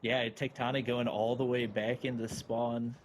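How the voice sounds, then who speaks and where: A man working as an esports caster, giving excited, analytical commentary on the play. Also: mid-range voice, unhurried. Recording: noisy, game sounds behind.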